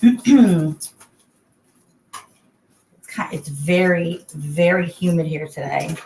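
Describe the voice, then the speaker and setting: A woman with a fairly low voice hosts a casual livestream from an echoey bathroom. She talks in a chatty, informal way straight to her viewers, with noticeable noise behind her. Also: drawn-out words, dark tone. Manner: chatty, addresses viewers by name. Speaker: livestream host. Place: indoors, in a bathroom.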